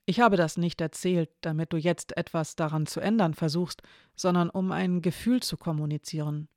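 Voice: medium pitch, fairly even intonation, a little mellow, no echo, clean studio sound, close to an everyday voice. A reader voicing May, a careful non-binary character. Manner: thoughtful, measured phrasing. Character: non-binary person, careful, gently ironic.

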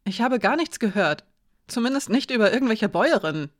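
A woman reading a cheerful, eager teenage boy scribe in an audiobook, in a higher, lively voice. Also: brisk, natural voice.

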